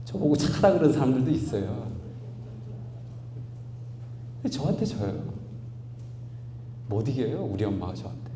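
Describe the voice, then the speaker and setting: With a warm, sing-song, mid-range voice and a fairly quick pace, this forties-aged pastor delivers a storytelling sermon that climbs to loud, emphatic passages. It's captured in a big, echoey church hall with a faint hum underneath.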